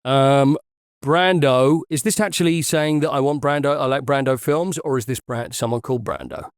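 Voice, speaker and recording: A man's voice: medium pitch, moderate pace, smooth, dry recording, clean studio sound. A middle-aged man, co-hosting a casual podcast and telling rambling film anecdotes. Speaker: podcast co-host. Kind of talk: casual chat.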